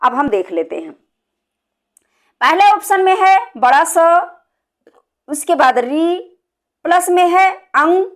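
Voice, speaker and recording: A woman's voice: very high-pitched, sing-song, slow, pauses often. A woman teaching a Hindi grammar lesson for exam preparation. She explains step by step and keeps repeating key terms with a checking "okay".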